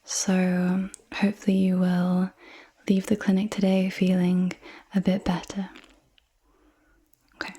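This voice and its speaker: A woman in her twenties doing a whispered ASMR role-play as a clinic practitioner, in a soft, breathy, reassuring whisper. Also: fairly low pitch, completely flat delivery, slow. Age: 20s. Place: indoors, small room with dark backdrop.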